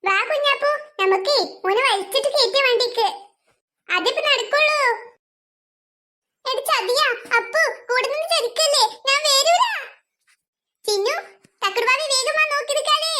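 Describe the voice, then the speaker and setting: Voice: normal speed, pauses often, bright, forceful tone. A voice artist voicing chattering, playful cartoon kids. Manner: squeaky, chattering.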